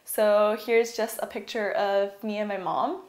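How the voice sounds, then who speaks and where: A woman's voice: mid-range voice, steady tone, a little slow, darkish tone, reverberant. A young woman from California giving a casual presentation about her studies, often saying "like" and "um". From California, USA. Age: young adult. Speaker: university student. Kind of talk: presentation talk.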